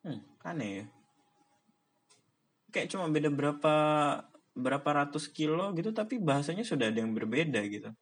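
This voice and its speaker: A man's voice: a little high, animated, a little fast, long pauses, slightly rough. A young man from Indonesia talking casually on his own, rambling in slang with frequent laughs. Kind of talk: casual monologue.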